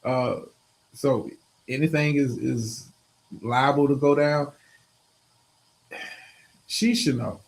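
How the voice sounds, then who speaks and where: A man's voice: medium pitch, fairly even intonation, slow, long pauses, slight background noise, poor audio. A man co-hosting a casual live stream from home, giving blunt, profane commentary to his viewers. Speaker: stream co-host.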